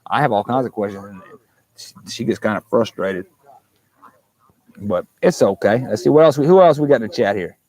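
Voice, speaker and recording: Low-pitched and darkish in tone, this host talks fairly quickly but pauses often, captured in low quality. He runs a casual live stream outdoors at a campsite, joking and rambling with viewers through a clip-on mic with a fuzzy windscreen.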